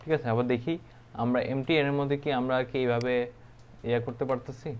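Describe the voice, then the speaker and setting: A man's voice: medium pitch, fairly even intonation, fast talker, clear, resonant tone, highs cut off. A man giving a casual programming tutorial, thinking aloud with many fillers and checks. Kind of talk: casual screen-recorded coding tutorial.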